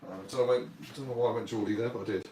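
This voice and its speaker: A man's voice: fairly low pitch, fairly even intonation, racing, mellow. Chatty man explaining game rules. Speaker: streamer playing a tabletop wargame. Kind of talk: casual live-stream game commentary. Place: warm home apartment, indoors. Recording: roomy sound, distant mic, faint noise.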